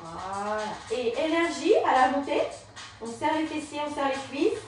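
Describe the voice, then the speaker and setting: High-voiced woman guiding a Pilates class. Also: lively intonation, normal speed, recorded from a distance. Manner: encouraging, cueing breath and movement step by step. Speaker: Pilates and yoga instructor. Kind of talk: guided exercise class instruction. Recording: very echoey room, voice from afar, faint music.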